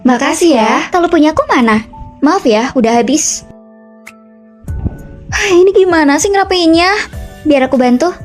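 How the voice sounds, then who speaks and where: A young woman dubbing several college dorm roommates in a short drama, trading quick, bickering lines and switching between characters. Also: sits high. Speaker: voice actor.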